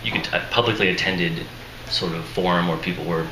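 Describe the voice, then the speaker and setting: A man with a low, steady voice talks a little fast as he introduces his book at a live audience reading. His casual, self-deprecating manner comes with chuckling asides, while his voice sounds strained and tired. The venue is echoey with background noise.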